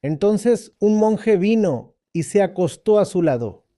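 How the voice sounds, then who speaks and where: A man with a high, mellow voice delivers a dubbed spiritual lecture. He talks slowly and deliberately, repeating his key points and pausing to check that the listener understands, recorded dry and close. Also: animated, no room sound. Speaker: spiritual teacher.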